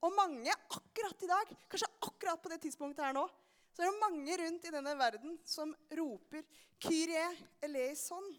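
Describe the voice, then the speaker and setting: A young woman telling a Bible story to a church congregation and asking them questions often. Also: very high voice. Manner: animated, asks the audience questions often. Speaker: children's sermon leader. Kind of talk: lively storytelling sermon for a congregation.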